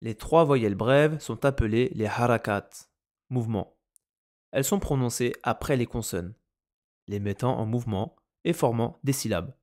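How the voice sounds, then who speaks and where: A man teaching a lesson, speaking slowly and deliberately and repeating each example word. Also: medium pitch, a little mellow. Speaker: Arabic language teacher. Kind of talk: explaining Arabic grammar in French.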